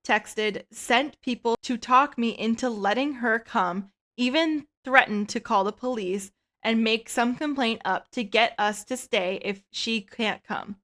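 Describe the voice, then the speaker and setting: A woman with a slightly high voice, co-hosting a laid-back podcast. She reads listener stories aloud and weighs in with easygoing opinions, often letting her words drop off into a soft mutter. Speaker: podcast co-host. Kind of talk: casual chat and reading stories aloud.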